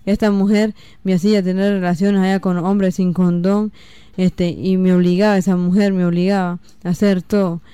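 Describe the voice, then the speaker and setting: An eighteen-year-old woman from Nicaragua with a Nicaraguan accent, giving a halting personal testimony full of fillers and restarts. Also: lowish voice, little pitch movement, warm tone, clear, resonant tone, dry recording. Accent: Nicaraguan Spanish. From Matagalpa, Nicaragua. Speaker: interviewee.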